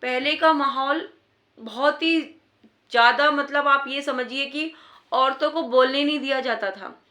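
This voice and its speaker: A woman's voice: high voice, unhurried, sharp tone, roomy sound. A woman giving earnest, repetitive advice in a casual talk to wives. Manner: earnest, repeats points for emphasis. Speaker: advice vlogger.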